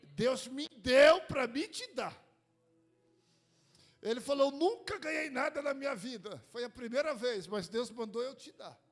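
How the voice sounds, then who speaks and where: A man's voice: extremely high pitch, expressive, unhurried. A man from Brazil, a pastor, preaching a sermon and telling a personal testimony, repeating phrases for emphasis.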